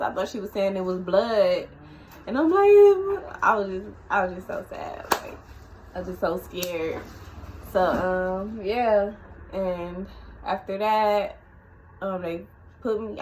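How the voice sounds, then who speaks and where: A woman speaks to her camera, retelling a painful personal story in a halting, shaken way. Her pitch sits in an ordinary middle range, and she stumbles through fillers and restarts. A faint hiss of room noise stays under her voice. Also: a bit bright, low-quality recording. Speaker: vlogger.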